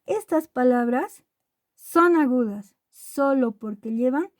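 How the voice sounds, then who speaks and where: Woman teacher, unhurried classroom delivery, close and dry, keeps asking the kids if they follow. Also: sits high, lively intonation, no echo. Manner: slow, deliberate, spells words out syllable by syllable; asks the class checking questions. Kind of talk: classroom lesson.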